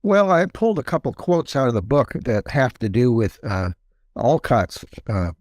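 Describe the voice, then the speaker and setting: A man's voice: mid-range voice, a little mellow, no echo. Male researcher talking casually, dry recording. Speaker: interview guest, paranormal researcher. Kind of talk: casual explanatory interview talk.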